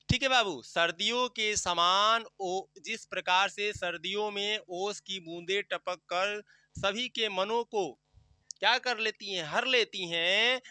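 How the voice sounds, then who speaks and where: A man with a high, very bright voice teaches a class, explaining a poem line by line. He keeps asking questions and answering them himself. The sound is dry and close, with no room echo. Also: clean tone. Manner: recites verse slowly and drawn out.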